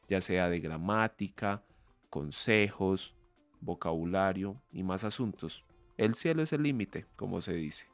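A Colombian man with a Medellín accent hosts a language-learning podcast in a low voice, explaining things to the listener in a calm, measured way. His voice is recorded close and dry, and soft music plays faintly in the background. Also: dry recording. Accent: Colombian Spanish from Medellín. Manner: clear, measured teacher's delivery addressing the listener directly. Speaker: Spanish teacher and podcast host.

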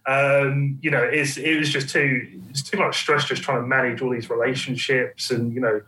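A man's voice: medium pitch, little pitch movement, normal speed, sharp tone, far from the mic. A laid-back man with an Essex accent chatting casually and self-deprecatingly as a podcast guest. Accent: Essex English. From Essex, England. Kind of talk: casual interview chat. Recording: roomy, off-mic remote recording.

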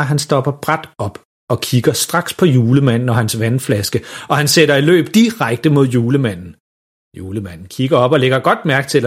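A middle-aged man narrating a children's Christmas story with an expressive delivery. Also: mid-range voice, husky.

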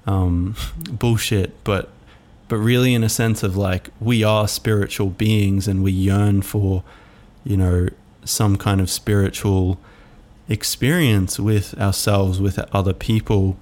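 A man hosting a reflective solo podcast, musing aloud in a halting way with many fillers. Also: fairly low pitch, steady tone, a little mellow. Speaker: podcast host.

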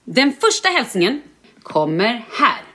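A woman's voice: fairly high pitch, big pitch swings, bright, forceful tone. A woman hosting a podcast in casual chat, retelling a story and playfully acting out quoted messages. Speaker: podcast host.

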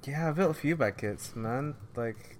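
A man's voice: medium pitch, lively intonation, measured pace, a little hiss or hum. A man chatting casually on a podcast, blunt and rambling, swearing freely. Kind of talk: casual chat.

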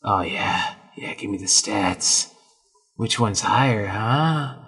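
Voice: sits low, expressive, takes it slowly, a bit bright, slightly rough. A player in a tabletop game, talking playfully. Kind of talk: casual tabletop play.

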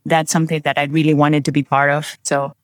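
Guest from Peru, casual interview, enthusiastic, many restarts, mid pitch, dry recording. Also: little pitch movement, brisk, dry recording.

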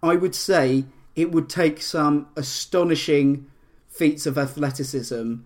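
A man running a tabletop game as game master, his voice pitched a little above the usual. He narrates scenes haltingly, with plenty of fillers and restarts. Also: a little mellow.

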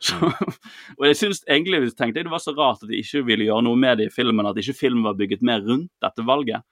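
A man co-hosting a podcast, retelling a film in a lively, casual way, acting out quotes and swearing freely. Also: medium pitch, no room sound, clean studio sound. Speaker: podcast co-host.

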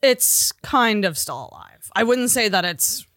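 A woman's voice: medium pitch, animated, a little slow, fairly bright tone, dry recording, clean studio sound. Chatty opinionated female podcast co-host. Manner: chatty, opinionated, uses "like" often. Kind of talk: casual chat.

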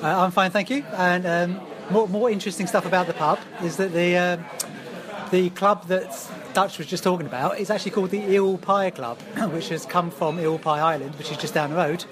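A man's voice: sits high, fairly even intonation, moderate pace. A man chatting casually as a football podcast guest. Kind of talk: casual chat. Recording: noisy crowd chatter behind.

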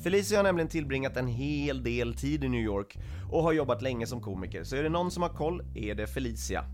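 Calm man co-hosting a podcast. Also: mid-range voice, a little hiss or hum. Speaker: podcast co-host, improv comedian. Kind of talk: casual podcast chat.

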